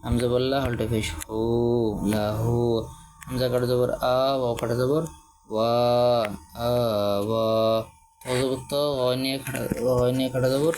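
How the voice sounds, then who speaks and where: A man teaching Quran reading, slowly drawing out letter sounds and quizzing his listeners with short questions. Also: medium pitch, fairly even intonation, darkish tone. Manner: slow, drawn-out drilling of letter sounds. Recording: noisy background.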